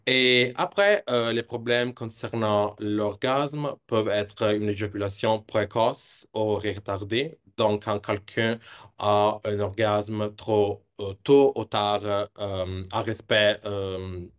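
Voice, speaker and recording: A man's voice: fairly low pitch, steady tone, slow pace, fairly bright tone. A young man with an Italian accent in his non-native French, presenting research hesitantly and searching for words. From Italy. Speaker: PhD candidate presenting research.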